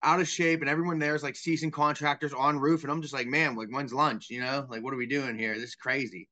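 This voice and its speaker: Speaking quickly with a sharp tone and fairly even intonation at medium pitch, a property cleanout worker in his thirties joins a video call interview as a guest. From a small room with a bookshelf behind him, he recounts his story in a frank, self-deprecating way.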